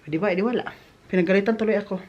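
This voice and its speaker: A woman's voice: medium pitch, rapid-fire, darkish tone, lo-fi sound. A woman from the Philippines chatting casually to her viewers in a home vlog, often laughing and dropping English words into her talk. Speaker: vlogger. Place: home in Germany, indoors and outdoors.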